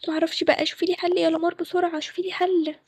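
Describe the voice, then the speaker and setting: A woman with an Egyptian accent voicing a desperate young runaway bride who pleads fast. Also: very high voice, flat delivery, darkish tone, no echo. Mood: pleading. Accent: Egyptian Arabic.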